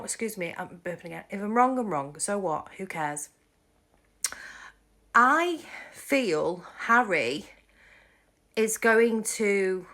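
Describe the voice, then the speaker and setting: A woman's voice: fairly low pitch, a bit bright. A woman vlogging about her psychic readings in a casual monologue, rambling and hesitant with many ums and restarts.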